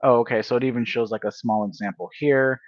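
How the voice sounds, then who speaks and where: A man livestreaming a casual coding study session, thinking aloud, correcting himself and filling pauses as he works through examples. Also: medium pitch, steady tone, dry recording, muffled recording. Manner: unhurried, thinks aloud, self-correcting with fillers.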